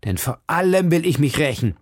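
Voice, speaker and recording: A man's voice: medium pitch, big pitch swings, normal speed, slightly rough, no room sound, clean studio sound. A man reading aloud and voicing an eager, hot-headed young nobleman in a fervent manner. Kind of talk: audiobook reading.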